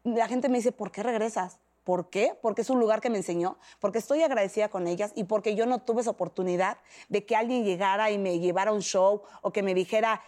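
A woman's voice: mid-range voice, fast, hardly any pauses. A woman in her thirties with a Mexican accent, telling a personal story as an interview guest, acting out the voices of others. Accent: Mexican Spanish. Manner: animated, acts out quoted voices.

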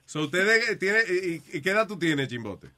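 A man's voice: high-pitched, very animated, normal speed, a crowd in the background. A man with a Caribbean Spanish accent hosting a radio show, bantering casually with callers in slang mixed with some English.

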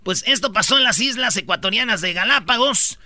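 A man's voice: sits high, expressive, fairly quick, sharp tone, no echo. A man with a Mexican accent hosting a comedic countdown radio show, joking and acting out people's voices. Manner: jokey, acts out people's voices.

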